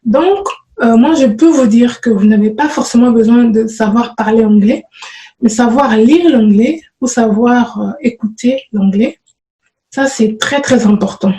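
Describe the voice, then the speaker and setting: A woman talks to her viewers in a relaxed, halting way, full of fillers and restarted phrases. Her voice sits a little high but sounds dark and mellow. The recording has a noticeable room echo. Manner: hesitant, many fillers and restarts. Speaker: programming vlogger. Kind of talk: casual spoken advice to viewers.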